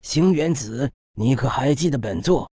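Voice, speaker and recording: A man's voice: medium pitch, expressive, normal speed, warm tone, husky, no echo. A man voicing a grave, commanding male sword master in an audiobook, speaking with solemn authority.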